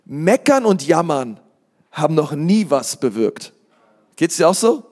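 A male pastor preaching an emphatic sermon, speaking straight to the congregation and rising to shouts. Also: a little high, big pitch swings, measured pace.

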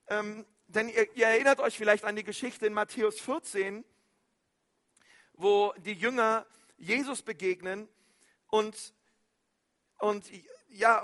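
A man preaching a sermon as pastor, fervent, with repeated phrases, swinging from loud to hushed. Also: sits high.

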